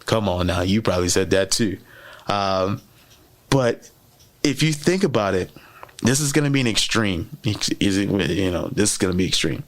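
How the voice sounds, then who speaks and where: Speaking at normal speed with a low voice and lively intonation, this French-native podcast host delivers a motivational lesson. His style is conversational, full of repeated key phrases and frequent "right?" questions.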